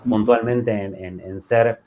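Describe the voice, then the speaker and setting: A man from Argentina with a Buenos Aires accent, speaking as a podcast guest in casual chat, halting and full of restarts and fillers. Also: on the low side, fairly even intonation, dark tone, faint music behind. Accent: Buenos Aires Spanish.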